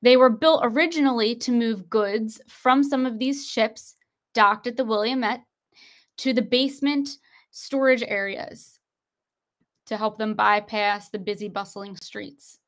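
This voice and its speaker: A woman's voice: fairly high pitch, steady tone, measured pace. Insistent young woman streaming commentary. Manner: insistent, rhetorical questions to viewers. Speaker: online show host. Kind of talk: conspiracy commentary livestream. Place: indoors at a desk, screen-sharing.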